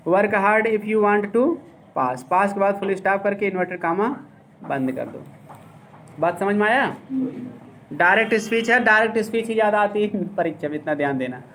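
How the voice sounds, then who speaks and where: A man teaching an English grammar lesson to a class, explaining slowly and often asking whether it is clear. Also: sits high, lively intonation, a bit bright, a little hiss or hum.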